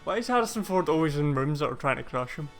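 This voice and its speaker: A man's voice: on the high side, animated, quick pace, soft background music. A man hosting a scripted comedic film review, talking in a wry, dry jokey way. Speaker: host of a movie review show.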